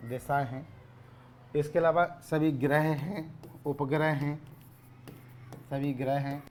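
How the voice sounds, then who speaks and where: A male teacher giving a grammar lesson, asking questions and answering them himself, repeating key words, often clearing his throat. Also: medium pitch, darkish tone, a little hiss or hum.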